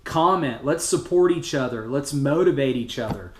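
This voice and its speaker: Male coach for an informal group message. Encouraging, everyday delivery, average pitch, recorded with noticeable room echo. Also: animated, moderate pace, a little hiss or hum. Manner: casual, encouraging, plain-spoken. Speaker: fitness challenge group coach. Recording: roomy, echoing sound.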